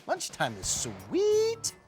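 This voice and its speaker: A man puts on a boisterous boy shark from a storybook. The voice is pitched up and swings widely, with eager, emphatic exclamations. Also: wildly swooping pitch, drawn-out words, a little mellow, full character voice. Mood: exuberant. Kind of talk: children's picture-book character voice.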